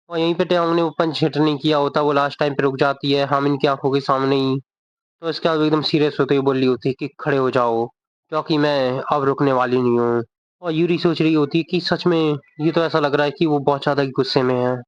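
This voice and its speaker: A man's voice: a little high, dry recording. A man narrating a manga recap in a conversational, scene-by-scene way, in a dull lo-fi recording. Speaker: manga explainer. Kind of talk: casual story recap narration. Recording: dull lo-fi dry voice.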